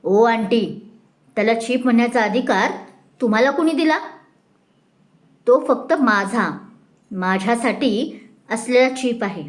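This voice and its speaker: A woman's voice: on the high side, animated, unhurried, pauses often. A drunk young film star, slurring and brash, as a woman puts her on. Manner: slurred, babbling, cheeky.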